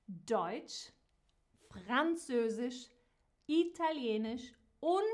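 A woman teaches a live lesson to her viewers. Her voice sits a little high and she speaks slowly. She says each key word twice, clearly and carefully. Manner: slow, repeats key words, warm direct address to viewers. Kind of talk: slow, clearly articulated live-stream lesson.

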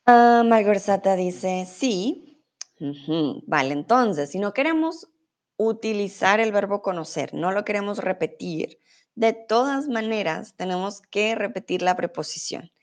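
A woman's voice: mid-range voice, lively intonation, a little slow. A woman teaching a live online Spanish class, patiently reading out student comments and explaining grammar, her voice a little off today. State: voice a bit off today.

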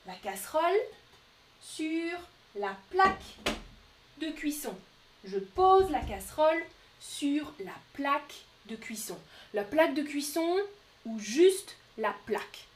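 A woman teaching French vocabulary in a live online lesson, speaking slowly and clearly and repeating each word for learners. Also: high-pitched, animated, background noise.

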